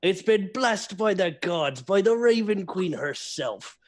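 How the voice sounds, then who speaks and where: A man voicing a boastful, drunken old male pirate who talks in gruff sea-dog slang. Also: high-pitched, expressive, unhurried, pitched above the performer's own voice.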